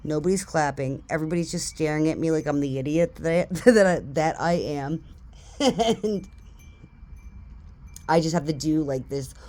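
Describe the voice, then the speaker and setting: Low-voiced woman telling a story. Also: normal speed. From New Jersey. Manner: animated, laughs often, swears casually. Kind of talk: casual storytelling.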